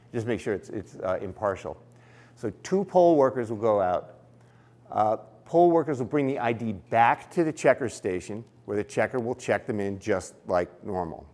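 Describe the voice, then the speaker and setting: A man's voice: lowish voice, darkish tone. A man giving a casual, explanatory training talk for poll workers, with fillers and restarts. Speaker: election trainer.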